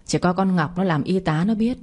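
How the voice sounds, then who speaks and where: A woman narrator voicing a stern older sister-in-law who firmly explains and scolds, with a low, husky voice. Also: fairly quick, darkish tone, lightly acted.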